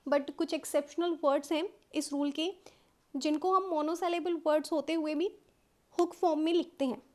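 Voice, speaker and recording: An Indian woman with a high, light voice gives a step-by-step shorthand lesson. She talks patiently and keeps checking in with her students. She slows right down when she dictates the rules. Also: fairly even intonation, a little mellow. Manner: patient explaining, frequent "okay" checks, mixes English terms into Hindi; slows right down to dictate English rule lines. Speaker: shorthand teacher.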